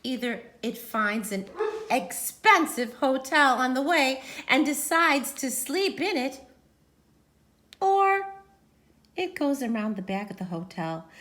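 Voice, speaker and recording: A teacher reads a picture book aloud to children in a high, bright voice. She takes her time and performs it theatrically, using dramatic pauses, hushed setups and sudden emphatic swells.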